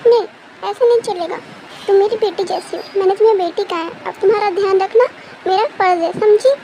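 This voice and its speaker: Motherly aunty, soothing yet firm, very high mellow voice, as a woman puts her on. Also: steady tone, fairly quick, slight background noise, rough recording.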